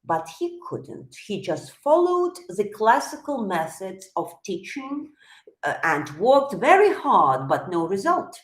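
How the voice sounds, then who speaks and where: A woman's voice: mid-range voice, big pitch swings, slow, echoey room. A woman whose first language is Russian, teaching psychology on a live stream, thinking aloud with frequent hesitations and restarts.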